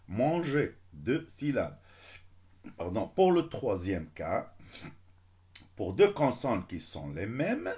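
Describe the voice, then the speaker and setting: Algerian man teaching French syllables. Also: lowish voice. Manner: mixes French with Algerian Arabic, drawn-out syllables. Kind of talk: French lesson for beginners.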